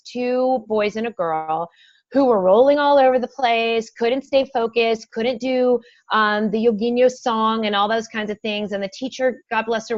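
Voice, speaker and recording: Animated woman educator, dull dry sound. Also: a little high, no room sound. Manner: animated, acts out classroom phrases. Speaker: special education teacher, podcast guest. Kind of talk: casual interview chat.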